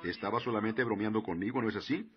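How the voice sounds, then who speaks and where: A man preaching a sermon, telling a story and slowing down to stress his warnings. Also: on the low side, dull audio. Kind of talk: sermon in Spanish voice-over.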